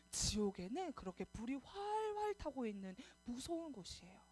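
A woman teaching preschoolers at a Sunday service, coaxing them in an animated, sing-song way to repeat after her. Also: high voice. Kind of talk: children's sermon.

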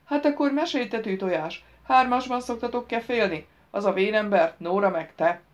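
A woman voicing rowdy drunken teenage boys in an audiobook, loud and mocking. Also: mid-range voice, voice pushed up, lightly acted. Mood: jeering.

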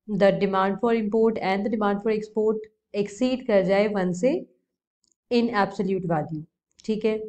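A woman's voice: mid-range voice, a little mellow. A young woman teaching economics in Hindi-English mix, explaining step by step over a diagram. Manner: explanatory, mixes English terms into Hindi, pauses to check. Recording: dull lo-fi recording.

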